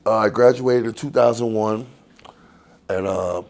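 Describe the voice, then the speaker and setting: A man's voice: fairly low pitch, a little slow, creaky, darkish tone. A man, telling his life story in a loose, rambling, profane way in an interview. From Texas. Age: 40s. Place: outdoors on the street.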